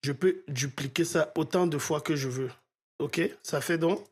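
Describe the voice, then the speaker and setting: A man's voice: a little high, unhurried, slightly rough. Man explaining a mixing tutorial. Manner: step-by-step explaining, often checking in with "ok?". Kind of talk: screen-recorded software tutorial.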